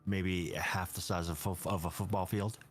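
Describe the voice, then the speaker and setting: A man's voice: deep voice, steady tone. A man running a tabletop role-playing game as game master, talking casually with many fillers and restarts. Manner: casual, halting, full of fillers.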